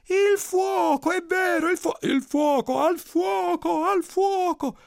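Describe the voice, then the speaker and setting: Man putting on a wild villager yelling slow and high, dry sound. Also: gravelly, dry recording, heavily acted. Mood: frenzied. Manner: shouting, drawn out. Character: frenzied adult male villager at an assembly.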